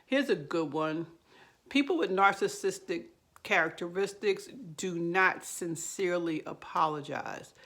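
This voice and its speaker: A woman with a lowish, gravelly voice talks through advice in an earnest, explanatory way. She speaks straight to camera like a counselor and often pauses on fillers or restarts her sentences. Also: a bit bright. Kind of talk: direct-to-camera advice talk.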